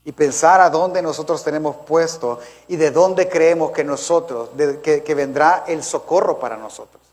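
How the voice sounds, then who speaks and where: Male pastor, high-pitched, emphatic sermon delivery with repeated questions to the congregation. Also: normal speed, a little mellow.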